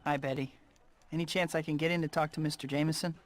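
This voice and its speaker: A man's voice: fairly high pitch, fairly even intonation, fast, slight background noise, natural voice. A man playing an earnest, worried young superhero in a video game cutscene. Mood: thoughtful, casual.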